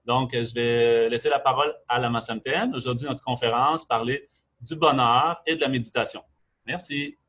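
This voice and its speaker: A man with a Québécois French accent, speaking at a middle pitch as he opens a conference. He introduces the guest in an unhurried, halting manner, linking his thoughts loosely with "donc". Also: fairly even intonation, a bit bright. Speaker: event host introducing a speaker.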